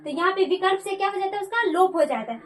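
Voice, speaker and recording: A woman's voice: very high voice, lively intonation, fast talker. A woman teaching a Sanskrit grammar lesson, often asking a question aloud and answering it herself. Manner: repeats questions and answers them for students. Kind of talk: classroom lecture.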